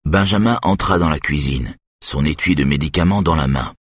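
A man narrating a novel in the first person, telling the story in a measured, expressive way. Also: a bass voice, husky, dry recording, studio quality. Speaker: audiobook narrator.

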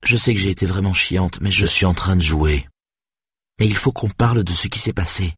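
A man's voice: deep voice, normal speed, a bit bright, slightly rough, no room sound, clean studio sound, exaggerated voice. A man reading aloud, voicing a distraught young woman who pleads with her lover. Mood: pleading. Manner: pleading, rising to desperate.

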